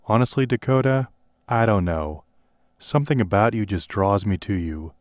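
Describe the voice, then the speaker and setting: A man's voice: on the low side, moderate pace, a little mellow, no room sound, studio quality, lightly acted. A man voicing a cheerful, tender young male pop star in a storybook reading.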